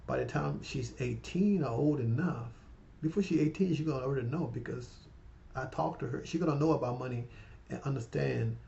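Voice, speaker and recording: Gravelly and dark yet mid-range, this finance vlogger in his fifties gives a rambling, heartfelt motivational talk to camera, repeatedly checking in with "right?" and "you guys." He becomes emotional about his mother. The audio is a bit dull like a plain home video, with slight hiss or hum.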